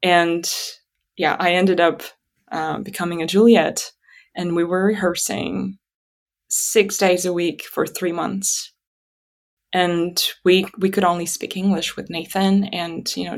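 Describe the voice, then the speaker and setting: A woman whose native language is Russian speaks in a slightly low voice. She tells stories about herself conversationally, pausing and thinking aloud as she goes. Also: level tone. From Kazakhstan. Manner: halting, reflective, thinking aloud. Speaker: interview guest. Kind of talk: conversational personal storytelling.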